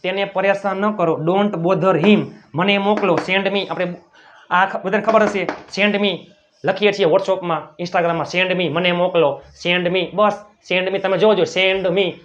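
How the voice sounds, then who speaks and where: A high-pitched man with a Gujarati accent runs a spoken English lesson. He drills short phrases, saying each one more than once. The sound is dull and muffled. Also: steady tone, takes it slowly, slight background noise. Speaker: English teacher.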